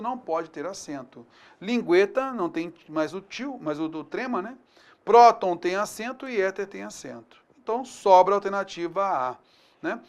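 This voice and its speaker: A man with a Brazilian Portuguese accent teaching an online exam-prep grammar lesson, upbeat and energetic, stressing key words loudly. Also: high-pitched.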